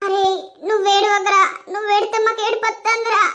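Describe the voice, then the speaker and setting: A woman's voice: very high-pitched, flat delivery, quick pace, bright, forceful tone. A woman voicing a young college girlfriend who coaxes and pleads in endearments, for a village cartoon. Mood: coaxing.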